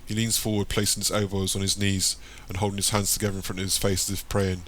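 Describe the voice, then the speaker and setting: A man reading an audiobook, telling the story in a plain, steady way. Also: low voice, fast talker, slight background noise. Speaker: audiobook narrator. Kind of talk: scripted narration.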